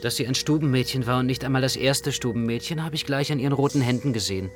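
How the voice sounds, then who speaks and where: An actor playing an anxious, introspective young man who narrates his own night walk in a literary radio play, speaking in a measured, intense way. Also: medium pitch, soft background music, close to an everyday voice. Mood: brooding. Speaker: first-person narrator.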